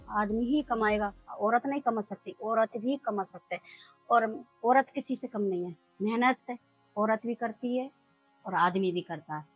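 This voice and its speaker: A woman's voice: on the high side, a bit bright, no echo, rough recording. A middle-aged woman street food vendor telling her story earnestly in an interview, acting out the dialogue. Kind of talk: emotional personal interview.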